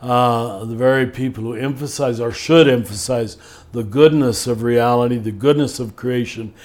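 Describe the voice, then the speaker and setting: Older man, reflective podcast talk, measured pace, leans on key words, spiritual teacher. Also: medium pitch, a little mellow. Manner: thoughtful, measured, slows down to stress key words.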